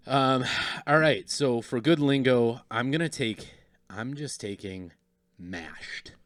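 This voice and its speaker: A man co-hosting a casual podcast chat, relaxed and joking as he steers the segments. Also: medium pitch, slow, dry recording, clean studio sound. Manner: laid-back, joking, guides the segments. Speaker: podcast co-host.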